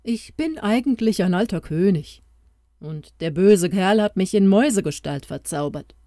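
A woman's voice: medium pitch, lively intonation, moderate pace, mellow, no room sound, studio quality, natural voice. A woman voicing an old king bewitched into a small crowned mouse, who comforts and urges the hero in a storybook tale. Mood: earnest, urging. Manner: comforting, urging.

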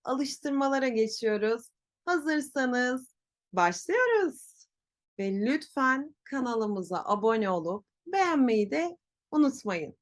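Woman, language teacher, lively pitch, fairly high voice, careful repetitions. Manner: models words slowly, then repeats them with corrections. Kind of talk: slow, clear pronunciation lesson.

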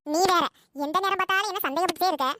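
A woman's voice: very high voice, rapid-fire, bright, forceful tone, no room sound. A woman playing a wheedling scheming daughter. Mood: coaxing. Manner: wheedling, pleading. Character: coaxing, scheming adult daughter. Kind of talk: comedy skit acting. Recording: noisy home recording.

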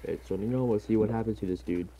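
A young man making wry, deadpan remarks while gaming with friends. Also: on the low side, very fast, slight background noise. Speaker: friend on stream. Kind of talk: casual gameplay chat.

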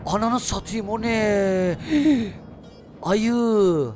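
A young man doing Let's Play commentary, excitable, cursing and shouting at the game. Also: high voice, moderate pace, soft background music. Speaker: gaming streamer. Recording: noisy gameplay audio behind voice. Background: game sounds and ambience.

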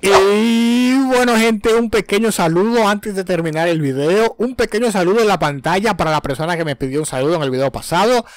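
Excitable high-voiced young man narrating gameplay. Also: fast talker, few pauses. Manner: excitable, stammers and repeats words. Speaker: Minecraft video creator.

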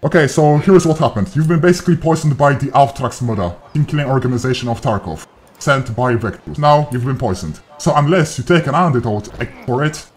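Man on a voice changer, mid pitch. Cocky team-killer trash talk over voice chat, faint music behind. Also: fairly quick. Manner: brash, mocking trash talk. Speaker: gamer posing as a hired team killer. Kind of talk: online game voice chat.

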